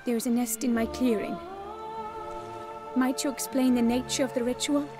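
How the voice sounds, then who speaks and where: A woman's voice: fairly high pitch, steady tone, normal speed, over music, lightly acted. An actress playing a proud, troubled noblewoman with formal, courtly diction in a fantasy game. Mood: resolute. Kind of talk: dramatic fantasy game acting.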